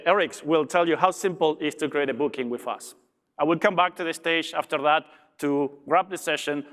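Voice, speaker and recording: This is a fairly high-pitched, slightly bright male voice with an Argentine Spanish accent. The speaker, a logistics director from Argentina, gives an upbeat conference presentation with minor restarts, and the big hall's long reverb surrounds him.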